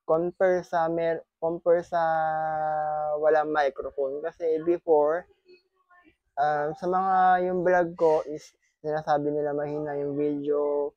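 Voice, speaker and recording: A man's voice: a little high, flat delivery, takes it slowly, no room sound, dull audio. A man from the Philippines chatting casually in an unboxing vlog, repeating his thanks and teasing playfully. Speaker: vlogger. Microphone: wireless clip-on microphone.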